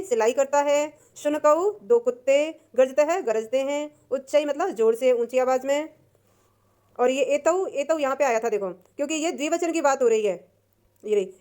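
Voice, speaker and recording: High-voiced woman teaching a lesson. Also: a little mellow. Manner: patient, repeats and translates each word. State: clears throat often. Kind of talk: explaining a textbook lesson.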